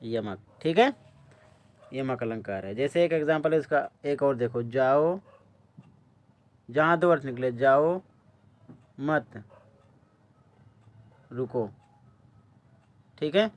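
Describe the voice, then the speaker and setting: A man teaching a Hindi lesson for exams. He quizzes his students and answers his own questions, and he clears his throat often. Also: medium pitch, normal speed. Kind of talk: exam-prep lesson explaining answers.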